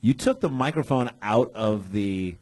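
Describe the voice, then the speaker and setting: A man hosting a live comedy podcast on a club stage, teasing the comics with quick banter. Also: fairly low pitch, expressive, darkish tone. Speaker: podcast host.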